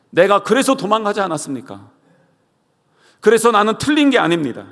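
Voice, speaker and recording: A male pastor preaching a sermon, swinging between loud cries and hushed asides and asking the congregation rhetorical questions. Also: fairly high pitch. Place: church sanctuary. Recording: reverberant church hall.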